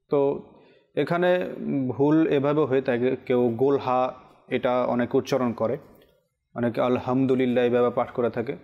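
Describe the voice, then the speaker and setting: A man teaching correct pronunciation on a televised religious lesson, explaining slowly and chanting Arabic examples. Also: mid-range voice, darkish tone, muffled recording. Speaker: Quran recitation teacher.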